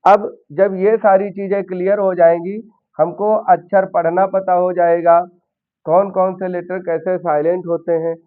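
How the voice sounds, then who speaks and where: A man's voice: high-pitched, flat delivery, normal speed. A man teaching a basic English grammar lesson in Hindi, explaining step by step and asking his learners questions. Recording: tinny phone-like sound.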